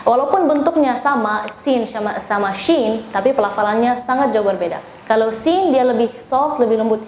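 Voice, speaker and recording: In an echoey room with faint noise, an Indonesian woman with a higher voice teaches recitation. She over-enunciates her examples, drawing out sounds and words for the learner. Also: moderate pace, darkish tone. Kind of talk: spoken lesson with feedback and demonstrations.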